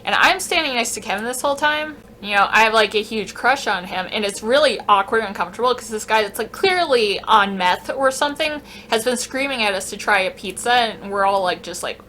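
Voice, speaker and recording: A woman telling a casual, animated story on a vlog, swearing freely. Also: medium pitch, a little fast, few pauses, slight background noise. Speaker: vlogger.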